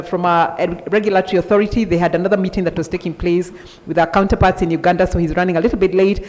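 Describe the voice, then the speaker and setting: A woman's voice: medium pitch, darkish tone. A woman, emceeing a conference and introducing panelists, drawing out names and key words in an upbeat way. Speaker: event emcee. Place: large indoor conference hall. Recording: reverberant conference hall PA.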